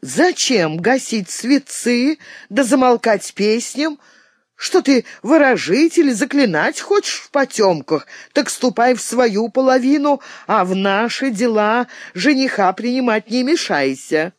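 Woman reader playing a shrill old mother, raised pitch, wailing and nagging, lively swings. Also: a little slow, no echo, clean studio sound. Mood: shrill scolding.

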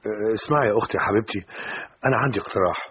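An actor playing a caring Egyptian brother with an Egyptian accent who gently persuades his sister, in an old radio drama. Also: fairly low pitch, very fast, slightly rough. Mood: reassuring. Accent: Egyptian Arabic. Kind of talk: 1970s radio drama acting. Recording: dull old radio recording.

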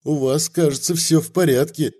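A man's voice: on the high side, steady tone, moderate pace, warm tone, close to an everyday voice. A man reading aloud and voicing a courteous, questioning official from the city. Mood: polite. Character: polite bespectacled city official, earnest.

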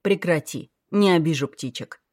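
A woman's voice: deep voice, normal speed, darkish tone, dry recording. A woman voicing a weary, wry young man speaking to a child in an audiobook, in a dry, matter-of-fact manner. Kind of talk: audiobook character voice.

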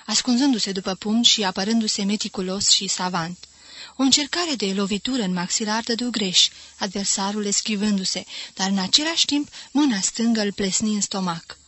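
Bright, crisp woman reading a novel. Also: mid-range voice, dry recording. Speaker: audiobook narrator. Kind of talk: scripted narration of a novel.

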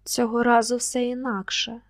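A woman's voice: a little high, monotone, moderate pace, lightly acted. A woman voicing a tired, troubled young man speaking tersely to his lover. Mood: weary.

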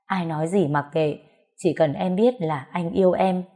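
A woman voicing an anxious young husband who softly begs his wife. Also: high voice, steady tone, moderate pace. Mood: begging. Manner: begging, soft and pleading.

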